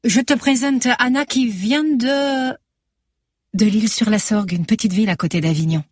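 A woman voicing a cheerful young woman in her thirties with a Marseille accent, lifting her voice higher for the character. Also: moderate pace, breathy edge, no echo, studio quality. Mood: welcoming. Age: 30s. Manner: bright, chatty, welcoming.

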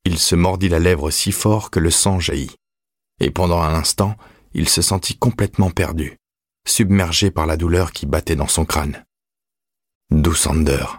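A man reading an audiobook in measured, even scripted narration. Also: low voice, dry recording, clean studio sound.

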